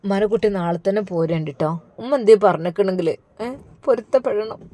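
A woman voicing a worried, tearful middle-aged mother with a Malabar Malayalam accent, pleading and high. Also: fast, dark tone, natural voice. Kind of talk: storybook narration.

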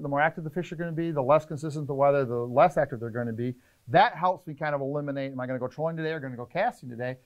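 A middle-aged man, a fishing charter captain, explaining trip planning in casual, energetic interview talk in an indoor tackle shop. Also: a little high, dull audio. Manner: energetic, gestures a lot, lists points rapidly.

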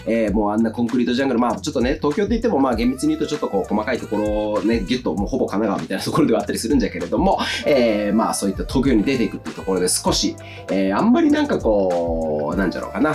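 A man's voice: fairly low pitch, a little mellow. A man in his thirties with an Okayama accent, chatting casually to camera with folksy, old-man-like turns of phrase. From Okayama, Japan. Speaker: vlogger. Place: small furnished room at home, indoors.

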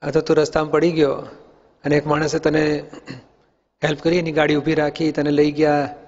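A man's voice: a little high, completely flat delivery, moderate pace, a little mellow. A man, a spiritual teacher, leading a question-and-answer talk with young people, patiently questioning them and using everyday examples. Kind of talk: question-and-answer discourse for youth. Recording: dull sound in an echoey hall.

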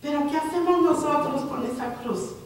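A woman preacher delivering a dramatic sermon, moving between hushed, slow lines and fervent, loud passages. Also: sits high, a crowd in the background. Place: church hall. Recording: very echoey church hall, mic far off.

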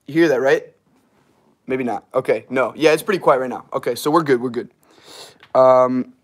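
A livestream host in his twenties reads viewer comments, rambling casually with fillers and laughs in a mid-range, slightly hoarse and strained voice. He is in a small wood-paneled garage room, heard through a device camera held at arm's length.

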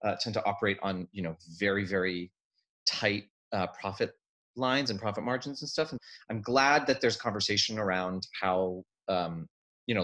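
An American man with a fairly low voice talks casually and animatedly, gesturing as he goes. He is on a laptop webcam in a room at home. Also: pushed and bright. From United States. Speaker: actor. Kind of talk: video call interview.

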